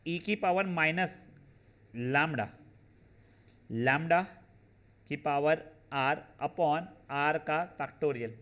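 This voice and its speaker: A man's voice: fairly high pitch, a bit bright, clear, resonant tone. A man teaching probability to a class, working through formulas step by step and often checking in with his students. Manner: calls students "beta", checks in with "theek hai na"; works through formulas step by step, slowing on them. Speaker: math teacher. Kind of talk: classroom lecture.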